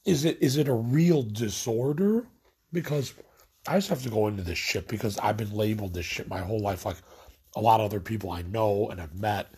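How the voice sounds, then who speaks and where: Brisk, husky, and dark-toned, with a lowish pitch, a young Illinois vlogger rambles through a late-night rant while stoned. He wanders casually, piles on "like," and trails off mid-thought.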